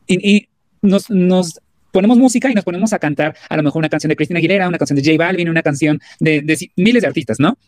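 Rapid, eager podcast host. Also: male voice, on the high side, no echo. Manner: eager, with many fillers and restarts. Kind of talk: casual interview hosting.

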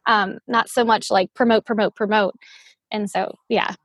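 A woman's voice: mid-range voice, fairly even intonation, normal speed, a bit bright, husky, dry recording. A woman from New Orleans hosting a casual podcast interview, upbeat and chatty, saying "like" a lot. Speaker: podcast host.

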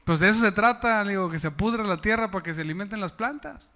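A man's voice: high voice, animated, fast talker, bright, forceful tone. Man, pastor, sermon, conversational, long church hall reverb. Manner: conversational, asks the congregation questions.

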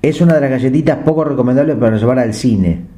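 A man co-hosting a podcast in casual banter, delivering absurd jokes deadpan. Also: mid-range voice, quick pace. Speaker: podcast co-host. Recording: echoey room with faint noise.

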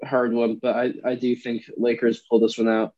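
A man's voice: medium pitch, monotone, normal speed, darkish tone. A young American man co-hosting a casual sports chat, giving his picks, on dull lo-fi audio. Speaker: sports talk co-host.

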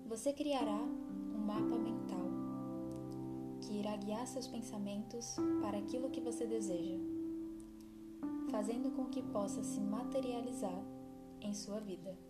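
A woman narrating a guided meditation like a sleep story, soothing and deliberate, leaving long pauses between short phrases. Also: medium pitch. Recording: music behind the voice.

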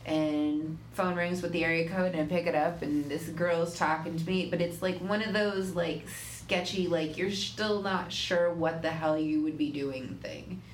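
A woman's voice: on the low side, steady tone, unhurried, few pauses. A woman chatting casually on a podcast, telling a story in a blunt, wry way and swearing casually. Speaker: podcast co-host. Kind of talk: casual chat. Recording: roomy room, faint hiss.

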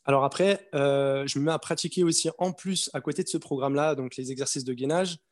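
A man's voice: medium pitch, brisk. A man in his twenties, an interview guest, telling his story in a casual, hesitant way with many fillers and restarts. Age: 20s.

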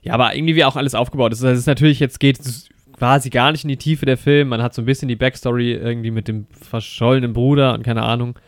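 Lockerer Mann mit trockenem Mikrofonklang. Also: male voice, mid-range voice, fairly even intonation, fast, few pauses, dry recording. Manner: rambling, lots of fillers and self-corrections, enthusiastic slang. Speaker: podcast co-host reviewing a film. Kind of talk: casual film review chat.

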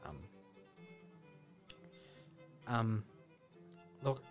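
A man's voice: mid-range voice, fairly even intonation, takes it slowly, music in the background, close to an everyday voice. A man playing a rambling ex-plumber who wants to join the clergy, in improvised comedy. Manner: rambling, hesitant, full of ums. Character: blokey Australian ex-plumber priest candidate. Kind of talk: improvised comedy role-play.

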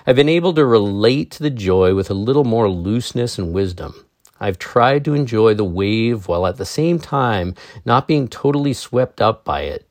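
A man with a fairly low voice reads a meditation article aloud, then talks it over with calm, gently wry asides. He sounds close and dry, as if he were in a small treated booth. His delivery is measured and reflective. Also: dry recording. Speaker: meditation podcast host.

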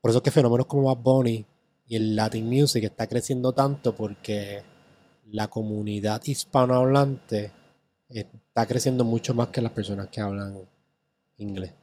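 A man's voice: mid-range voice, fairly even intonation, moderate pace, mellow. Male podcast host, easygoing conversational interviewer. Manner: conversational, chimes in often. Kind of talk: casual interview chat.

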